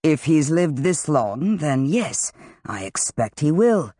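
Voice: mid-range voice, sing-song, dark tone, no echo, clean studio sound. A narrator voicing a commanding wizard dean woman. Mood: measured. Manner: brisk, commanding. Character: commanding gray-haired female dean of wizards.

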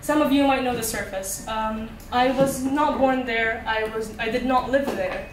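High-voiced young woman reciting poetry. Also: moderate pace, background noise. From Qatar. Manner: conversational intro, then rhythmic repeated-line recitation. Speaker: spoken word poet. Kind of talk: spoken word poetry reading. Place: small cafe performance space, indoors. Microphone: handheld mic, filmed by a far camera. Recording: roomy, distant camera recording.

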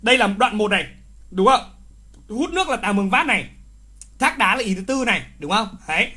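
Bright-voiced man teaching lively. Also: high voice, brisk. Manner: lively, teasing, scolds wrong answers with exclamations; repeats key words for emphasis. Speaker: literature teacher. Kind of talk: live online exam review.

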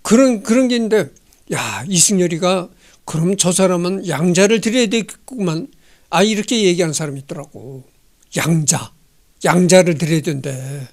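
An older man in his sixties talks through a history text at home, and his voice sits noticeably high for a man. He reads a line, then drifts into chatty asides, often asking his listeners rhetorical questions. He speaks into a handheld microphone in an indoor room. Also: animated, normal speed. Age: 60s. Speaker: history channel host. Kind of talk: casual lecture reading and commenting on a text.

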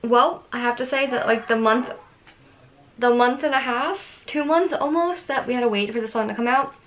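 A woman hosting a casual fan reaction vlog. She gushes excitedly and chats freely, with a lot of "like" and "um". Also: a little high, moderate pace, a little hiss or hum, poor audio. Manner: gushing, excitable, chatty with many "like"s. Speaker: YouTuber reacting to a song.

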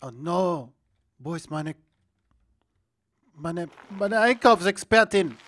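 A young man giving excitable video game commentary, often bursting into loud exclamations. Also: high voice, slow pace. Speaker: let's play host.

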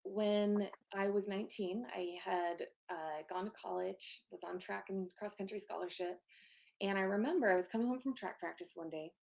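Speaking as a guest from her home office over a video call, this woman in her thirties recounts something personal in a soft, mid-range voice with a gravelly fry. Her manner is earnest and open, punctuated by frequent filler pauses.

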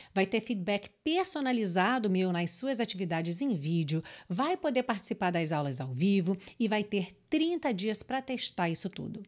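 A woman from Brazil, an English teacher, who explains pronunciation step by step and repeats lines slowly and clearly. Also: mid-range voice. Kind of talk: online English lesson with course promotion.

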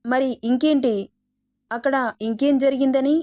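A woman's voice: high voice, steady tone, unhurried, dark tone. Woman reading as a teasing young husband. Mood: curt. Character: teasing young man, playful, possessive husband. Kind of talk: storybook dialogue reading.

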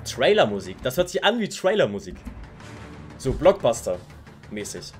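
A man hosting a reaction video, chatting casually and upbeat, often pausing on fillers. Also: mid-range voice, sing-song, soft background music.

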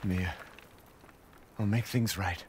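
A man voicing a weary male protagonist in a video game, speaking quietly and tensely. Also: deep voice, steady tone, slow, slight background noise.

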